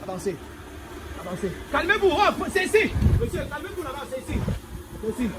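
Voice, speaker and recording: A man's voice: very high voice, sing-song, fairly quick, a crowd in the background. A man playing a young, officious traffic police officer fresh from training, who talks sternly and repeats curt orders in a comedy sketch. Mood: agitated. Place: outdoors at a roadside checkpoint.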